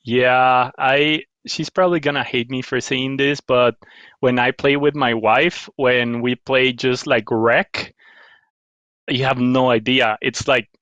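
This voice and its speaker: A man's voice: medium pitch, steady tone, slow, a bit bright, no echo. A man from Guatemala, chatting as a podcast guest, rambling with restarts and self-deprecating laughs. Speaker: guest, paddle company owner. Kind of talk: casual interview chat. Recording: slightly dull lo-fi sound.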